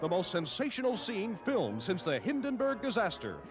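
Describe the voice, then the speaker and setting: A man's voice from an old newsreel soundtrack, narrating in a dramatic, declamatory 1940s manner. His pitch sits fairly high and swings widely. Loud music plays behind him. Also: huge pitch swings, normal speed.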